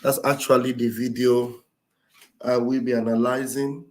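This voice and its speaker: A man hosting a live broadcast, speaking deliberately and repeating his phrases. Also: medium pitch, little pitch movement. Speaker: livestream host.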